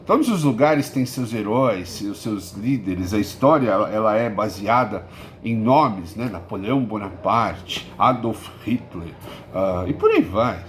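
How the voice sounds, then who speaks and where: A male history teacher from Brazil gives an informal lecture, full of fillers and self-corrections. His pitch swings widely, climbing high when he stresses a point. A faint hiss of noise sits underneath the voice. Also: expressive, a little slow. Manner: casual and rambling, many fillers and restarts, rising emphatic peaks. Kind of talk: informal recorded lesson.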